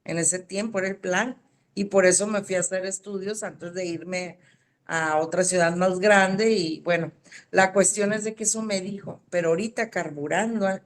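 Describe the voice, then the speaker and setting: A woman's voice: fairly low pitch, fairly even intonation, moderate pace. Chatty woman. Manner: chatty, adds tag questions. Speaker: student. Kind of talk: casual chat.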